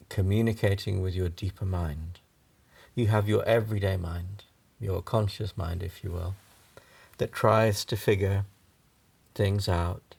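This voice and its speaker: Gentle and reassuring, a male yoga nidra guide takes listeners through relaxation in a fairly deep, markedly creaky voice. His pace is very slow, with brief, halting phrases and long pauses.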